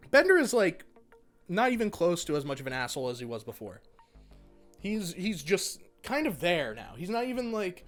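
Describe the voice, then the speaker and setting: A young man giving a casual spoken cartoon review, ranting and swearing in exasperation. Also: a little high. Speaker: animation reviewer.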